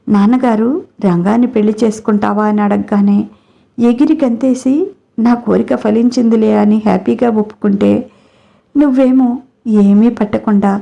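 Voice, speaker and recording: Woman doing a hurt, sharp-tongued young bride in a read-aloud story, mellow timbre. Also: medium pitch, creaky, lo-fi sound, lightly acted. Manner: emotional, scolding. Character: young wife, landlord's daughter, hurt and fiery. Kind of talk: storybook character reading.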